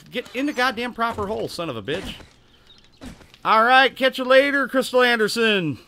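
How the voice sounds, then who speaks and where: A man's voice: high-pitched, bright, forceful tone, slight background noise. A man hosting a casual gaming livestream, talking in a rowdy, crude way and thanking viewers by name. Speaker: livestream host.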